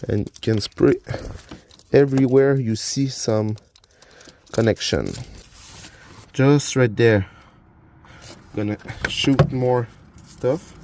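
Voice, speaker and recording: Filming on his phone as he works in a garage and beneath the car, a French-speaking DIY vlogger explains a repair hands-on in English with a French accent. His voice is mid-range and a little mellow, there's a slight hiss or hum, and he pauses frequently with "uh" and repeated words in this casual walkthrough.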